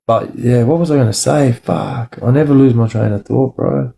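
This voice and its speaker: Gravelly and dark-toned, this mid-range male voice moves at normal speed. He's a livestream host from Sydney, Australia, chatting casually and bluntly in street slang, rambling, repeating phrases, and calling listeners bro or lad.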